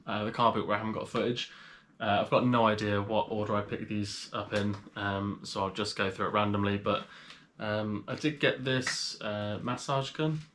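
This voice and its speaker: A reseller vlogger with a cold chats casually while showing items to the camera, his voice slightly nasal and fairly low in pitch. He rambles in a relaxed way with frequent pauses, and there's a little hiss or hum in the recording.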